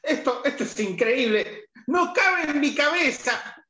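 A man's voice: extremely high pitch, expressive, measured pace, pushed and bright, reverberant, full character voice. A man playing an indignant company director who speaks formally. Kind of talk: amateur theatre play over video call.

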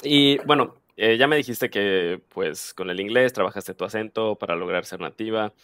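Laughing interview host, dry sound. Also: male voice, on the low side, normal speed, fairly bright tone, clean tone, dry recording. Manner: friendly, laughs often, backchannels. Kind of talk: casual interview chat.

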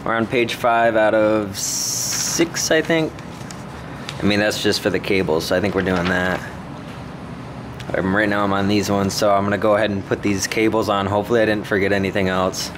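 A home gym vlogger talks off the cuff in his indoor concrete basement gym, sounding informal and hesitant, as if thinking aloud. His fairly low voice holds a steady tone at normal speed, captured on a handheld camera mic he operates himself over a noisy background.

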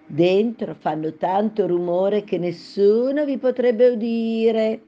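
Woman doing a slow, dim frog footman. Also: medium pitch, steady tone, warm tone, dull audio, voice pushed up, lightly acted. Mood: drawling. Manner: slow and drawling. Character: dull, slow frog-faced male footman.

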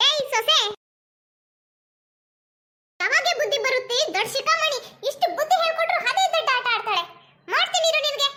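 A woman's voice: fairly quick, slight background noise. A woman with a Kannada accent voicing a nagging older mother-in-law in a cartoon, wailing and scolding. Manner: nagging, wailing, high and loud. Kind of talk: cartoon voice acting.

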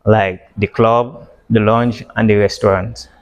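A man's voice: lowish voice, flat delivery, unhurried, slight background noise. A man who manages a restaurant answers interview questions briefly and matter-of-factly.

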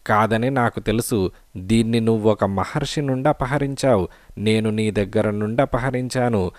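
A man reading a calm, brave young hero. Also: fairly low pitch, moderate pace, no room sound, close to an everyday voice. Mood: defiant.

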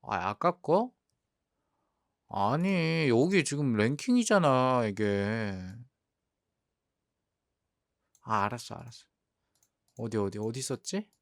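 This ASMR audio drama features a man as a playful young boyfriend who gets defensive, protesting haltingly and repeating words in a teasing, wistful way. His mid-range voice is animated, recorded at studio quality without echo.

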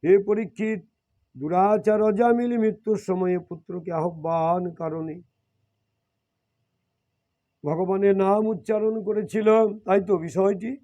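A man's voice: sits high, warm tone. A man reading devotional scripture and explaining it, often repeating and rephrasing his points. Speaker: scripture reader and preacher. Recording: dull lo-fi recording.

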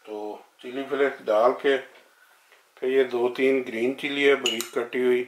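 A middle-aged home cook walks through a recipe step by step, casual and friendly, in his home kitchen, which gives the recording an echo. His voice is mid-range and level, at a moderate pace.

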